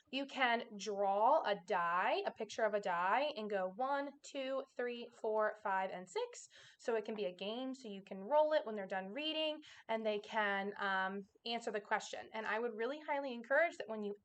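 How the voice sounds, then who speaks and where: Higher-voiced woman teacher presenting. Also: normal speed, smooth. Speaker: kindergarten teacher presenting to parents. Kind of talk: informal instructional presentation.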